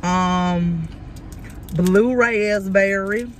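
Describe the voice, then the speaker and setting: A middle-aged American woman talks in a playful, colloquial way, like a mom vlogging with her kids. Her pitch is ordinary for a woman. She is recorded inside a car with noticeable noise around her. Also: very slow. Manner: colloquial, playful, talking to her children in the back seat. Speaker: mother and vlog host. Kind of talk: casual family chat, candy review. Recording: loud car noise and ambience.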